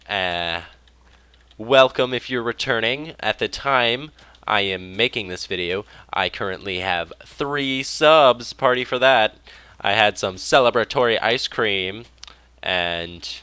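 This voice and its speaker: A young man rambling through casual let's play commentary, chatty and excitable. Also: low voice, smooth. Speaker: gaming YouTuber.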